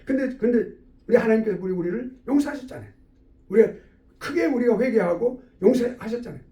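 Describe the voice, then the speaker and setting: Professor guy telling a story fast, high-ish and gravelly, echoey room far from the mic. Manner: animated, with acted-out dialogue. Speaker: theology professor. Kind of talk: storytelling lecture.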